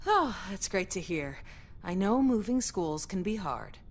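An actress voicing a caring, concerned mother in a video game, speaking gently. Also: mid-range voice, big pitch swings, unhurried.

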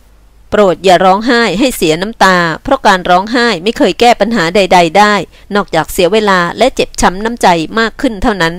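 A woman's voice: medium pitch, no room sound, natural voice. A woman reading a novel aloud, voicing a brusque young man who talks in a curt, scolding way. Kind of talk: novel reading with voiced dialogue.

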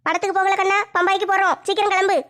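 A woman's voice: extremely high pitch, level tone, racing, a bit bright. A woman doing a bossy scolding mother. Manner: scolding, commanding. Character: bossy middle-aged mother, sharp-tongued.

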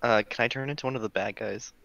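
A woman's voice: a bass voice, fairly even intonation, fast talker, creaky, a bit bright, dull audio. A woman playing a tabletop game, giggly and laughing often. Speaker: player. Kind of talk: casual tabletop game play.

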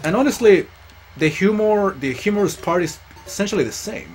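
Chilean man, higher voice, reflective stream talk. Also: animated, fairly quick, faint music behind. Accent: Chilean Spanish. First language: Spanish. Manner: reflective, rambling, frequent restarts. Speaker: gaming channel host. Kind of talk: casual live-stream commentary while playing.

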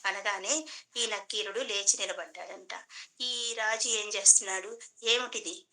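A woman teacher telling a devotional story as a lesson, lively and explaining with everyday examples. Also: medium pitch, moderate pace, poor audio.

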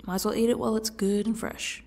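Husky ASMR role-play, sadistic stalker woman, acted by a woman. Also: on the high side, flat delivery. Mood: coaxing, threatening. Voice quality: breathy, husky, dropping into speaks softly. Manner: slow, taunting, condescending, faux-gracious. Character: sadistic, smug yandere stalker woman holding a captive.

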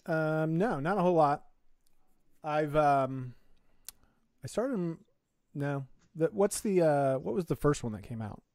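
A man's voice: a little high, lively intonation, measured pace, long pauses, a little mellow. A man co-hosting a tech live stream in casual chat from his home office, hesitant and full of fillers, his audio coming through the left channel only. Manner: hesitant, with many fillers and restarts. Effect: audio heard in the left channel only.

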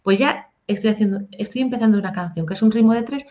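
A woman, a singer-songwriter and music teacher talking casually in an interview, animated and chatty. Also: mid-range voice, fast. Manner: animated, sings short improvised snippets. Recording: dull lo-fi audio.

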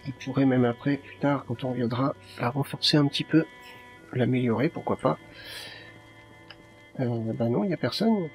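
A man's voice: medium pitch, steady tone, normal speed, pauses often, dull audio, faint music behind. A man giving casual let's play commentary, muttering and thinking aloud to himself.

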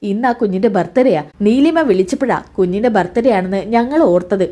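A woman voicing a patient older father who reasons calmly and gravely with his daughter. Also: mid-range voice, quick pace, close to an everyday voice. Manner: calm, reasoning.

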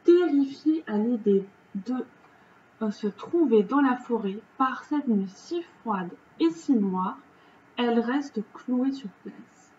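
A woman with a French accent patiently goes through the answers of a children's reading lesson, step by step and slowly. Her warm voice is on the high side with lively intonation, and the audio is dull with a little hiss or hum.

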